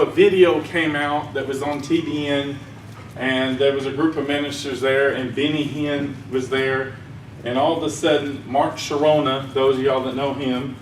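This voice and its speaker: The slightly high voice belongs to a Southern-accented man from Arkansas speaking at a conference. He delivers a folksy, rambling sermon talk and chuckles at his own jokes. The conference hall sounds echoey, with the mic picked up from a distance and slight background noise.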